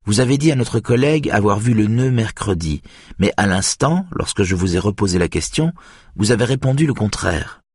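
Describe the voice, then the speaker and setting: A man's voice: lowish voice, animated, normal speed, darkish tone, slightly rough, no room sound, studio quality, pitched above the performer's own voice. A man voicing a weary, persistent female detective who keeps pressing her questions. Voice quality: tired, insistent questioning.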